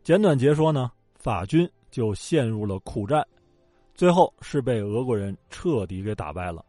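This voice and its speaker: A man's voice: medium pitch, sing-song, normal speed, mellow, no echo. A man telling history in a casual, joking storytelling way, with colloquial asides. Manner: colloquial and joking, with acted quotes. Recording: dry close mic with faint background music.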